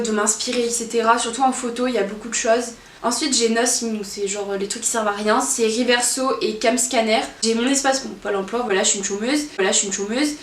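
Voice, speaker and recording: A young woman vlogging in a casual, rambling way, full of fillers and hesitations. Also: fairly high pitch. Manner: chatty, rambling with many fillers. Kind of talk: casual chat. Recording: echoey room, from a distance, faint noise.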